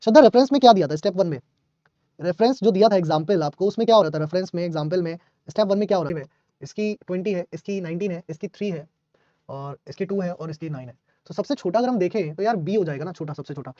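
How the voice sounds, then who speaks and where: A man teaching a live online class, talking fast and chatty, joking while he scolds his students. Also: high voice, mellow, no room sound, muffled recording.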